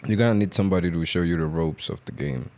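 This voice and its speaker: A man's voice: sits low, a little mellow. A man talking casually as an interview guest, searching for his words. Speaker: musician, podcast guest. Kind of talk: casual chat.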